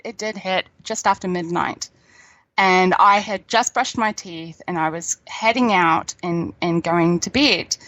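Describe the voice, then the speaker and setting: A woman's voice: mid-range voice, bright, forceful tone, no room sound. Chatty New Zealand woman, dry sound. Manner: chatty, laughs often, self-deprecating. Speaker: scientist guest. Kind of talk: casual radio interview.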